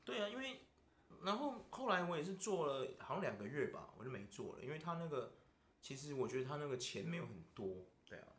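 A man's voice: on the high side, very animated, brisk, a bit bright. A man with a Taiwanese Mandarin accent, hosting a podcast and venting in casual chat, constantly asking "you know?". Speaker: podcast host. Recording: roomy echo.

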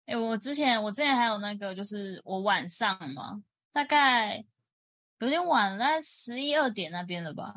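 A woman's voice: medium pitch, animated, normal speed, fairly bright tone, no echo. A woman, co-hosting a podcast and telling casual anecdotes. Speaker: podcast co-host. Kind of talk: casual chat.

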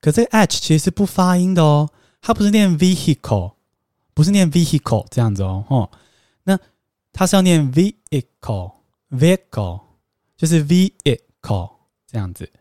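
A man teaches English pronunciation on his podcast. His fairly high voice swoops up and down as he explains patiently, dropping into slow, emphatic asides. The sound is close and completely dry. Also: expressive, a little mellow, no room sound.

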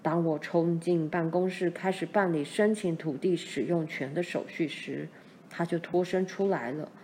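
A woman voicing a steady middle-aged pioneer father, speaking low and measured as he recounts events. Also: a little hiss or hum, lightly acted. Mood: calm.

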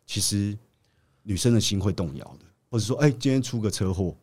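A man's voice: fairly low pitch, a little fast, husky. A man, a podcast guest telling a story in casual chat and acting out the quotes. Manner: animated storyteller, acts out quotes.

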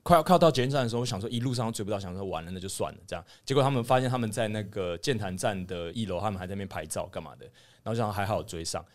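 Young Taiwanese-accented man, lowish voice, quick and rambling, sheepish podcast storyteller. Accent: Taiwanese Mandarin. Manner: rambling, with many fillers and restarts, sheepish. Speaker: podcast co-host. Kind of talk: casual storytelling chat.

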